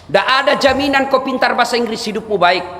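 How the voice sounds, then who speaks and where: A middle-aged man from South Sulawesi, giving a comic sermon in an animated, joking way with sudden shouts. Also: very high-pitched, fast talker. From South Sulawesi, Indonesia. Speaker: preacher. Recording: echoey hall, faint ambience.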